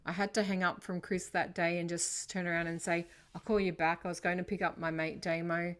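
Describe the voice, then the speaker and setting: A woman hosts a casual spiritual interview. Her voice sits a little low, and she tells her stories in an animated, dramatic way. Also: a little fast. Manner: animated storytelling, dramatic retelling. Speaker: podcast host.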